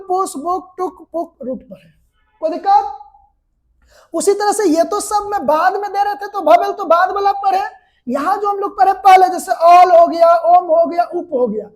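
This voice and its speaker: A woman shorthand teacher with a Hindi accent, giving a classroom lecture and explaining step by step while asking her students quick questions. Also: very high-pitched, darkish tone. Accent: Indian Hindi.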